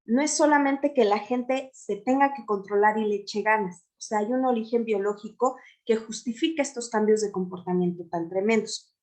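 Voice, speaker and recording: A woman's voice: on the high side, a little mellow. A woman giving an explanatory lecture to teachers, often checking in with her listeners.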